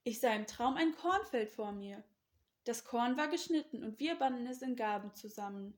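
A woman's voice: expressive, normal speed, lightly acted. A woman voicing an eager young dreamer boy. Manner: high, emphatic, exclaiming. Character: boastful young male dreamer, eager and excited.

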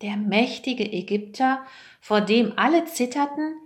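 A woman reading a Bible story aloud to children in a slow, clear voice. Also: on the high side, lively intonation. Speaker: storyteller, children's choir member.

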